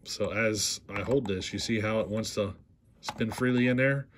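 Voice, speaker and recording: Guy at a workbench walking you through a fix, lowish voice, easygoing, keeps saying see how. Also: a little hiss or hum. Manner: plain, unhurried explaining with frequent "see how" prompts. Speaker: chainsaw repair channel host. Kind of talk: hands-on repair demonstration. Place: workshop bench.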